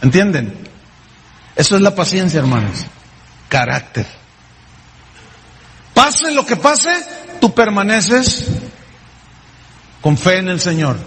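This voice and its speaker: A man's voice: sits high, very animated, slow pace, pauses often, fairly bright tone, a little hiss or hum. Male pastor preaching in a reverberant hall. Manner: emphatic preaching, rhetorical questions to the congregation. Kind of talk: sermon.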